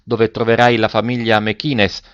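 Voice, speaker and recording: A man reading aloud and voicing a kind, resolute grey-bearded older gentleman. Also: lowish voice, flat delivery, a little slow, smooth, dull audio. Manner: kind and resolute, speaks with authority.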